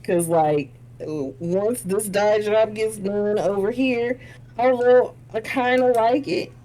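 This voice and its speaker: Woman, medium pitch, chatty storyteller, laughs often, casual co-host. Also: slow, dark tone, soft background music, low-quality recording. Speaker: podcast co-host. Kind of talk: casual chat.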